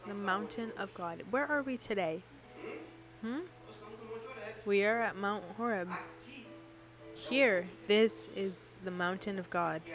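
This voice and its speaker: A woman's voice: mid-range voice, takes it slowly, long pauses, music in the background. A woman giving an interpreted sermon in a preaching cadence, often putting questions to the congregation.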